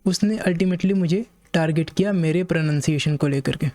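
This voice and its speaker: An Indian man, an English teacher with an Indian accent, calmly explaining a point to his viewers and slowly reading passages aloud. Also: on the high side. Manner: measured, repeats points, reads English slowly.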